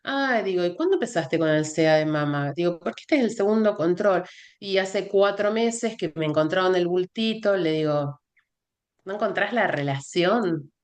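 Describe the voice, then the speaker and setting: Argentine woman telling a lively story. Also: on the low side, normal speed. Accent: Argentine Spanish. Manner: animated anecdote-telling, acts out quoted dialogue. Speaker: guest, functional biochemist. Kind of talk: casual conversation, storytelling.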